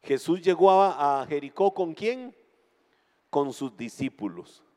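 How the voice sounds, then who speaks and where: A middle-aged Costa Rican man preaching a dramatic sermon, swinging from quiet talk to shouted passages. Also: a little high, expressive, slow pace, in a large hall. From Costa Rica. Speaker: pastor.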